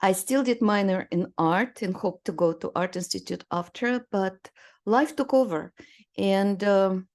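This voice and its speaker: Interviewed conversationally as a guest artist, a woman in her sixties originally from Romania tells stories with small fillers and brief laughs. She has a darkish voice sitting in a woman's middle pitch range.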